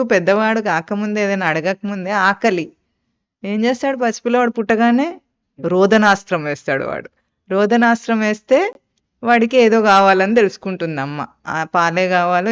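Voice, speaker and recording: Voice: mid-range voice, clean tone. Teacher giving a lo-fi scripture discourse. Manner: asks rhetorical questions and answers them; quotes and explains Sanskrit terms. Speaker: spiritual teacher. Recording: dull lo-fi recording.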